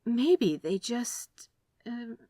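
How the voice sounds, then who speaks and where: A woman voices a prim, fretful and earnest male angel from a storybook, lifting her pitch so it swoops with curiosity in big swings. Her exaggerated delivery is extremely slow and dark-toned, with polite, fussy, hesitant phrasing and a tentative mood. The recording is dry and close, with no room sound.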